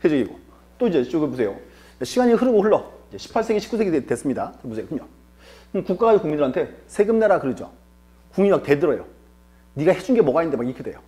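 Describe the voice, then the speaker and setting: A man's voice: a little high, big pitch swings, fast, mellow. A male lecturer teaching an exam-prep class, asking rhetorical questions and answering them himself, repeating key terms for emphasis.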